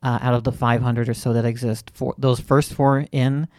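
A man's voice: mid-range voice, little pitch movement, normal speed, a little mellow, dry recording. A male comedy podcast host from Central Florida talks in a chatty, wry way. He often restarts his sentences as he goes. The sound is dry and close. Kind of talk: casual comedy podcast hosting.

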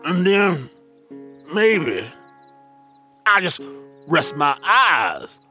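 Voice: mid-range voice, very animated, drawn-out words, sharp tone, soft background music, full character voice. An actor playing a lazy, sleepy, scheming male bear in a children's story, with a drowsy, drawling and smug way of talking.

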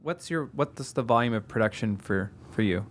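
A man's voice: fairly low pitch, lively intonation. A man hosting a show, narrating a scripted introduction and then interviewing guests. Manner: measured, deliberate intro delivery. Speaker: podcast host. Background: faint music.

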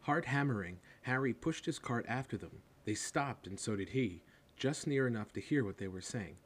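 A man narrating a storybook in an expressive, animated reading, heard over a steady hum. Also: medium pitch, moderate pace, slightly rough. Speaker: audiobook narrator.

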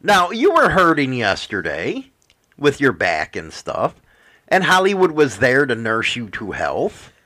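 A man's voice: medium pitch, huge pitch swings, a little slow, bright, forceful tone. A man hosting a podcast in casual banter, teasing and profane. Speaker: podcast host.

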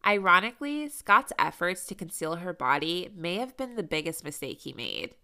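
A woman's voice: on the low side, sing-song, moderate pace, sharp tone, clean tone. A woman co-hosting a true crime podcast, reading the case story aloud with blunt, salty asides. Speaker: podcast co-host.

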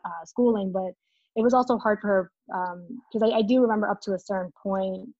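A woman from Vietnam, a guest in an interview, speaking reflectively with many pauses and ums. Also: medium pitch, a little mellow, dry recording. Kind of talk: conversational interview. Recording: muffled, dull sound.

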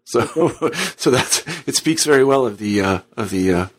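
American man hosting, halting conversational delivery. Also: mid-range voice, expressive. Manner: halting, repeats words as he goes. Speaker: podcast host, interviewer.

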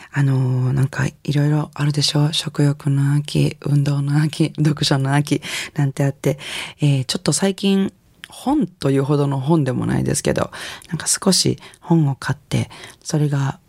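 A middle-aged woman with a Kansai accent, a singer hosting a radio music show in a relaxed, chatty, rambling way. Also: low voice, breathy edge, dry recording, clean studio sound. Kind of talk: casual radio DJ talk.

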